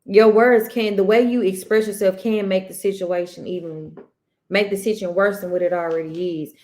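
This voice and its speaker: A woman co-hosting a relaxed podcast. She speaks earnestly, at an everyday mid-range pitch, as she walks through a story about her son. She tends to back up and rephrase as she goes. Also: normal speed. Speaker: podcast co-host; mother. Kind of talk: casual storytelling chat.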